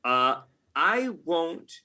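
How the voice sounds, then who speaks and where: Very animated and slightly high, this American man stretches out his words in a pushed, bright voice. He's a video game writer appearing as a podcast guest, answering in a conversational way and frequently reworking his explanations as he goes.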